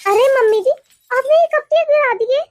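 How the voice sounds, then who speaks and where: A woman voicing a meek, gentle young daughter-in-law in a cartoon story, speaking in a soft, pleading way. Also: very high voice, moderate pace. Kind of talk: cartoon voice acting.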